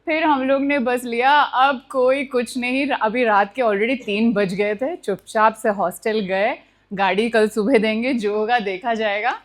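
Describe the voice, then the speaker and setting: A young woman telling a true personal story at a live storytelling session, animated and mixing in English phrases, acting out noises with sound words. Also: on the high side, a little slow. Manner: mixes Hindi with English phrases.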